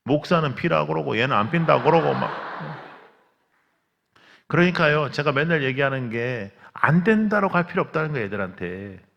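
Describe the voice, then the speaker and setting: A man's gravelly voice carries a revival sermon through a church sanctuary with a long reverb. He preaches as a pastor, acting out quotes and cries as he tells his stories. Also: a little high, fairly quick, dull audio, background noise. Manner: animated storytelling, acts out quotes and cries.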